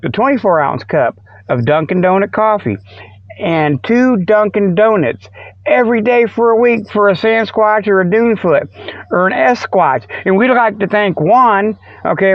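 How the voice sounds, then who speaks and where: A radio-show host, male and high-voiced, spins a rambling, folksy monologue of jokes and homespun exclamations. The recording itself is dry, though the lo-fi stream sounds muffled and dull.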